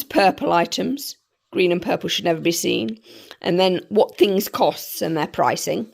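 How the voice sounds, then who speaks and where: A woman, croaky from a cold, casually reviewing a book in a chatty vlog with dismissive asides. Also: on the low side.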